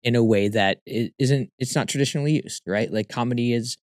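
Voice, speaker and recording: A man talking casually as an interview guest, a comedian telling stories in an animated way with emphatic repeats. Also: mid-range voice, a little fast, no room sound, clean studio sound.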